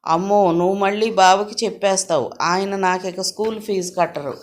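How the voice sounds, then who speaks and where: A woman's voice: medium pitch, normal speed, natural voice. A woman reading the part of a playful teenage girl who teases and bristles in a storybook. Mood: teasing. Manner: teasing, indignant.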